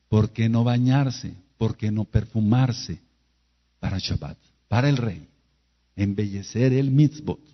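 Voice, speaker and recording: A man preaches, firing rhetorical questions at his listeners and hammering phrases again and again. His voice sits at an ordinary middle pitch. The sound is dull and lo-fi, as from an old video recording. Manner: emphatic, rhetorical questions and repetition. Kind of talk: sermon.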